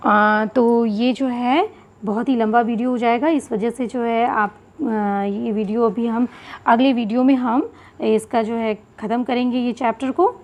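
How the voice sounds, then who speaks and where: A woman's voice: fairly high pitch, fairly even intonation, unhurried. A woman teacher explaining a Sanskrit textbook lesson, going word by word and repeating key terms. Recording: tinny phone-like audio.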